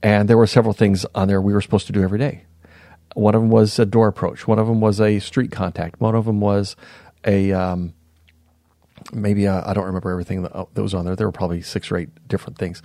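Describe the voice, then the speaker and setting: Man in his 50s telling stories on a podcast, pauses n restarts a lot, kinda low pitched. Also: steady tone, dark tone, dry recording, clean studio sound. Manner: reflective, unhurried, often pauses and restarts mid-sentence. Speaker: podcast guest. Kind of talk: casual interview storytelling.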